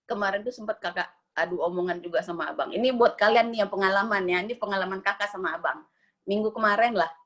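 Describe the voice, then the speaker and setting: A woman giving a casual personal testimony at a family worship service, talking in a chatty storytelling way. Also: medium pitch. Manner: chatty storytelling, calls herself "kakak".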